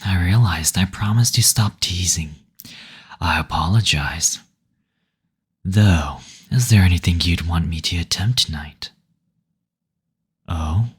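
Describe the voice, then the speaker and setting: A man voices a teasing, gentle male demon in an intimate roleplay audio, speaking softly and breathily, often close to a whisper, in a tender, unhurried way. His voice is low-pitched and slightly rough, a full character performance.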